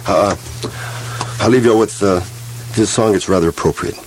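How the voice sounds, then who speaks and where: Radio DJ, male, low voice, halting farewell, noisy broadcast feel. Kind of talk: on-air radio sign-off. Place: radio studio.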